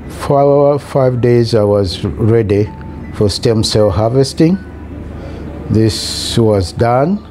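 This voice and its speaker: Kenyan guy telling his own story, really slow and halting, music playing behind him. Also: lowish voice, mellow. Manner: halting, hesitant delivery with long pauses. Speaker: patient giving a testimonial. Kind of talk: personal account to camera. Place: small hospital room, in bed. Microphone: lapel mic.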